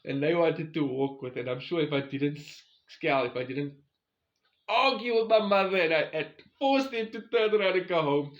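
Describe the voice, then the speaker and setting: Addressing his audience directly, a roughly forty-year-old South African man recounts something from his own life in a relaxed, conversational way. His pitch is fairly high, and the audio sounds dull.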